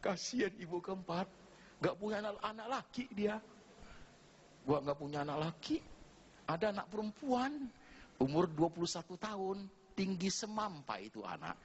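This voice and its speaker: Man, pastor, humorous sermon, mimics characters, lively pitch, faint background ambience. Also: slight background noise. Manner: humorous, animated storytelling with mimicked voices. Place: church.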